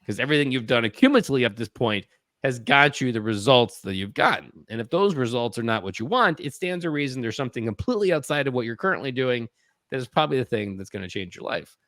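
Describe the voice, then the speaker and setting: A man's voice: medium pitch, lively intonation, fast, fairly bright tone, no echo, studio quality. A man in his thirties, a podcast guest, telling personal stories in an earnest way and acting out his own thoughts. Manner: earnest, acts out his own inner voice in quotes. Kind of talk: reflective storytelling in a podcast interview.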